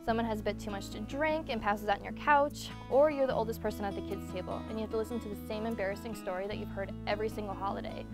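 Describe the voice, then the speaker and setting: A young woman hosting a segment in a scripted presenter style, giving advice in a brisk, list-like way. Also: medium pitch, fairly even intonation, music in the background. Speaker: segment host.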